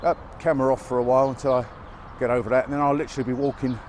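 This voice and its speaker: Talking rapid-fire in a level, mid-range voice with a darkish tone, a walking vlogger gives casual, wry narration while a little out of breath and chesty with a cold. He walks through winter fields by a busy motorway, recorded on a chest-worn outdoor mic with faint traffic noise.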